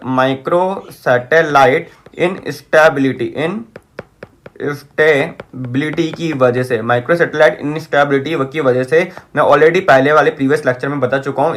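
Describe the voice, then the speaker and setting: High-voiced man lecturing in English. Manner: repeats key terms, asks the class rhetorical checks. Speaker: teacher. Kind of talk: whiteboard lecture.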